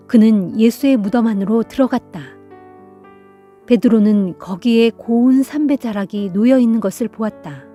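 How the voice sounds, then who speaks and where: A woman reads scripture aloud in a calm, measured narration. Her voice is mellow and warm, at a middle pitch. Soft instrumental music plays faintly underneath. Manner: calm, even, unhurried reading. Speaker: Bible reader.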